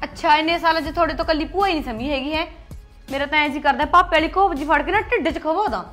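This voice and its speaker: Defiant young daughter played by a young woman, very high fast voice, music under. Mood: bitter. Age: young adult. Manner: rebellious, sharp-tongued. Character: defiant young woman refusing a forced marriage. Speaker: daughter, college student.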